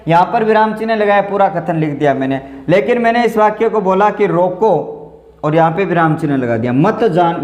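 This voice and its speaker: A man teaching a grammar lesson for an exam, explaining step by step and repeating the example phrases while he asks and answers his own questions. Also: high-pitched. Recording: roomy echo.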